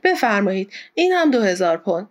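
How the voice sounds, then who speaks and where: A woman reading the lines of a calm, composed gentleman in an audiobook, speaking coolly and unhurried. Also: mid-range voice, lightly acted.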